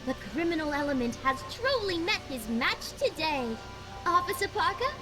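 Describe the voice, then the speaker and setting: A woman's voice: very high voice, very animated, moderate pace, music in the background, rough recording. A woman voicing a perky, formal expo announcer in a video game, with chirpy, flowery, upbeat delivery.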